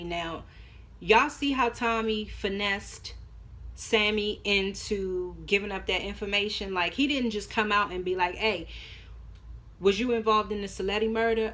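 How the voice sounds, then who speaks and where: A woman's voice: medium pitch, fairly bright tone. A woman reviewing a TV episode in a casual recap, talking bluntly and cursing freely as she walks through the plot. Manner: candid, profane, slangy commentary. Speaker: TV show reviewer.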